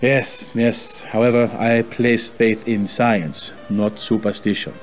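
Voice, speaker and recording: A man voicing a haughty German colonel in a video game, with a German accent and a measured, stiffly polite, condescending manner. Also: fairly low pitch, little pitch movement, faint music behind. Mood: smug, proud. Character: formal, haughty, probing German colonel and imperial official. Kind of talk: video game character acting.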